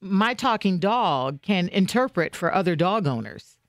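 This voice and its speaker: A woman's voice: lowish voice, measured pace, no echo, studio quality. A woman co-hosting a radio show, arguing back playfully in casual banter. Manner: animated, playful, argues back.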